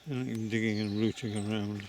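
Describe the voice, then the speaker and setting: A man's voice: on the low side, little pitch movement, fast talker, darkish tone, slight background noise. A man giving a casual, chatty walking commentary at an outdoor animal centre, musing and breaking off mid-sentence as he films. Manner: chatty, musing, self-interrupting. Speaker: vlogger touring a bird and animal centre.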